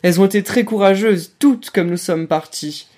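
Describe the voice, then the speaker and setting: A wrecked young officer spits out bitter, shrill words in a feverish rush, as a man puts him on in a storybook reading. The voice climbs high and stays loud and strained. It sounds close to breaking. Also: moderate pace, husky. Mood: bitter anguish. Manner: shrill, feverish, broken outbursts. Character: shattered young male officer, bitter, near hysterical.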